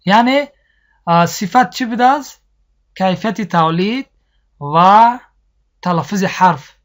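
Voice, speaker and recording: A teacher gives a recorded lesson on Quran recitation rules. They explain patiently, repeat each point, slow down to model the sounds and keep checking that students follow. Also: medium pitch.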